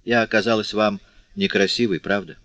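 A man's voice: fairly low pitch, fairly even intonation, brisk, fairly bright tone, no room sound, lightly acted. A man reading the part of a dying young woman, weak and tender, speaking faintly in a dry, slightly dull audiobook recording. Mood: tender, wistful. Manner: faint, fading speech.

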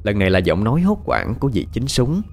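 A man narrating a ghost story in a dramatic, expressive way. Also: on the low side, fast talker, vocal fry, soft background music.

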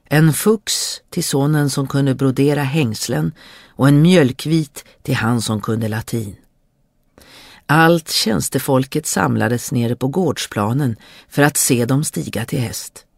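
A storyteller reading a fairy tale aloud in a lively, expressive way. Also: mid-range voice, creaky, no room sound, studio quality.

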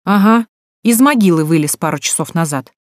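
A rude, snarling man risen from the grave, ragged and barefoot, as a woman narrator puts him on. His lines come out low and curt, clipped retorts in a dry, close audiobook read. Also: animated, fairly quick, darkish tone, no room sound, lightly acted. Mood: gruff.

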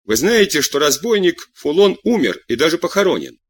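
A man voicing an eager, excitable young man who tells his news breathlessly and humbly. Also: on the high side, normal speed, husky, no room sound, clean studio sound, voice pushed up. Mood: excited.

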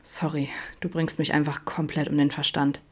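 A woman voicing a love-struck young man who speaks quietly and in a hush in a storybook reading. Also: sits low, little pitch movement, a little slow, slightly rough. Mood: whispered. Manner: quiet, hushed, at times whispered.

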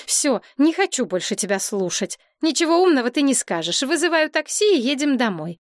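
A woman voicing a sensible young woman who talks in a brisk, exasperated way, recorded dry and close. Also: high-pitched, big pitch swings, dry recording, voice pushed up.

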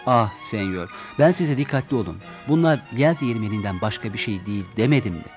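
A man's voice: on the low side, lively intonation, a little fast, close to an everyday voice. A man voicing a simple-hearted, worried squire who pleads with his master. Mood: pleading. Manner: pleading, exasperated. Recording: dull lo-fi recording with soft music.

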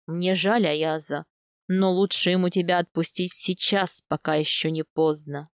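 A woman voicing a stern older male steppe khan in an audiobook, talking slowly and firmly. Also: on the low side, fairly even intonation, no echo, clean studio sound, pitched below the performer's own voice. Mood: grave, measured. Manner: slow, measured and firm.

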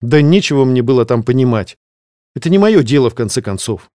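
A man's voice: mid-range voice, expressive, fairly quick, mellow, no room sound, clean studio sound, natural voice. A man voicing an anxious young heroine. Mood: hurt.

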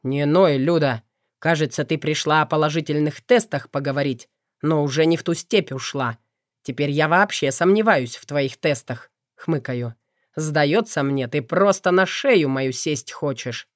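A man's voice: a little high, unhurried, no echo, clean studio sound. Curt man reading an audiobook. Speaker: narrator. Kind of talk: first-person audiobook narration.

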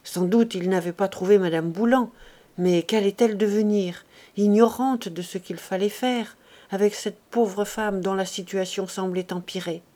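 Mellow-voiced woman reading a classic novel. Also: mid-range voice. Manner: measured, expressive reading. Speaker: audiobook reader. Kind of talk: audiobook narration of a classic novel.

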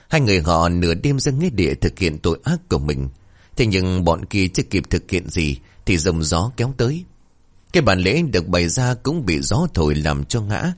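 A man narrating a horror story in a steady, expressive storytelling manner. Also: sits low.

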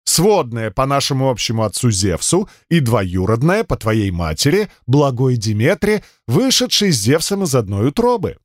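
A man's voice: medium pitch, very animated, moderate pace, hardly any pauses, no echo, clean studio sound. A man voicing a chatty, wry messenger god who talks at length in an audiobook.

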